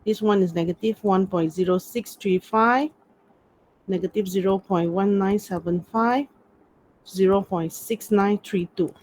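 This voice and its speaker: A Malaysian-accented university lecturer teaches an informal online class over a computer video-call mic, slipping Malay words and particles like "lah" into colloquial Malaysian English. Her medium-pitched voice is darkish and a little slow, and the recording quality is low.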